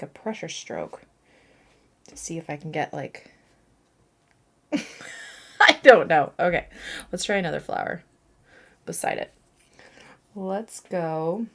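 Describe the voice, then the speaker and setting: A young woman talks through her painting in a loose, self-mocking way, thinking out loud and trailing off between strokes. Her voice sits a little low for a woman, casual and unscripted. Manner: chatty, self-mocking, thinking aloud with laughs. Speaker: watercolour artist.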